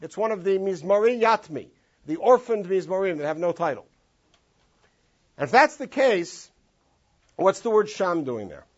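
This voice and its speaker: A man's voice: high voice, normal speed, long pauses. A man teaching a classroom text study, drawing out phrases in long sung tones. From Los Angeles. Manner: animated, sings out phrases in long drawn tones. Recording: dull lo-fi classroom recording.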